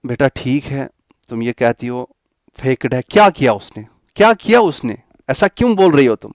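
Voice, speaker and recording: A man's voice: medium pitch, big pitch swings, moderate pace, no echo, clean studio sound, natural voice. A man voicing a worried mother who coaxes her crying daughter with questions, as part of a story told to help students remember a lesson. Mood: coaxing. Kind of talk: storytelling mnemonic voice.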